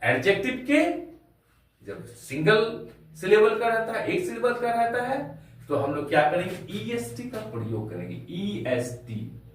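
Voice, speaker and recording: A man teaching a grammar lesson to a class, slowly spelling out words letter by letter and asking rhetorical questions. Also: very high voice, big pitch swings, slight background noise. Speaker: English teacher. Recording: very echoey room, from far off.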